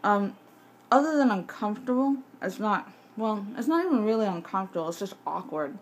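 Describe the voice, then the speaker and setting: A woman in her twenties or thirties chatting casually to camera in a halting, rambling way, her speech slightly impeded by a bite splint wired in her mouth. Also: medium pitch, animated. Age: 20s to 30s. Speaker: vlogger showing jaw surgery recovery. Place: home kitchen. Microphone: phone at arm's length. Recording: faint background noise, handheld device.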